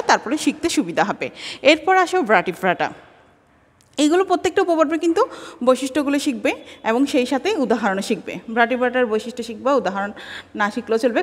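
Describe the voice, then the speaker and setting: A woman teacher giving a biology lecture, her voice pitched a little high. She slows down to pronounce each scientific name carefully, and a long reverb trails behind her words. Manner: slow, careful spelling-out of scientific names. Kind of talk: classroom lecture.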